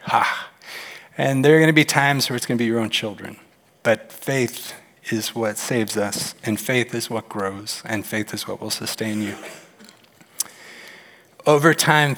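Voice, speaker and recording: A man preaching a sermon as a pastor, animated and telling stories, sometimes acting out the voices in them. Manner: animated, acts out quoted voices with big pitch jumps. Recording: long hall reverb.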